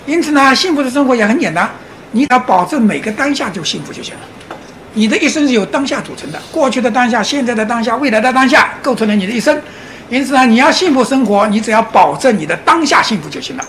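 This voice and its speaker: A man giving a public lecture, animated, often asking his audience rhetorical questions and chuckling as he explains. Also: very high voice, fast, slight background noise. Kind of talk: public lecture on Chinese classics and Zen.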